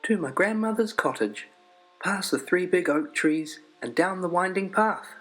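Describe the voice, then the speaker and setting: A man's voice: high voice, animated, measured pace, a bit bright, faint music behind, pitched above the performer's own voice, rough recording. A man voicing a polite, innocent little girl in a storybook fairy tale.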